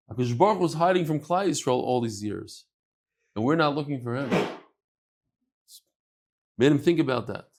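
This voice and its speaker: A man teaching a daily Talmud class who mixes English with Aramaic and Hebrew terms, asks questions and answers them himself, and acts out the speakers in the text. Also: mid-range voice.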